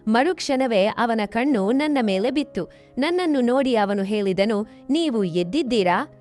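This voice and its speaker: A woman storyteller reading a scripted first-person family story in a steady storytelling delivery, with faint music behind. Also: a little high, moderate pace.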